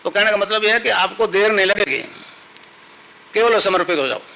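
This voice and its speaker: Bright-voiced man giving a devotional discourse. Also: high-pitched, expressive, a little fast, gravelly, low-quality recording. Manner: storytelling, instructive, chants mantras. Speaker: spiritual teacher.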